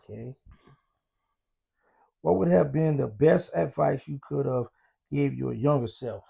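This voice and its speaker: A man's voice: mid-range voice, measured pace, mellow. A middle-aged man talking casually as a podcast guest, using street slang and telling things with emphasis. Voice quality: gravelly, husky. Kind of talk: casual interview talk.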